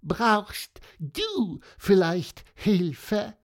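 In a children's story, a woman gives voice to a sick, curious young male bird who asks skeptical questions. He's stuffy-nosed and sneezing, and she delivers it in a mid-range, sing-song voice at a very slow pace.

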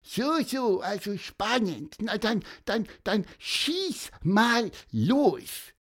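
A woman's voice: mid-range voice, big pitch swings, drawn-out words, exaggerated voice. A woman voicing a sick, curious young male bird with a stuffy nose in a children's story, asking skeptical questions. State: stuffy-nosed, sneezing.

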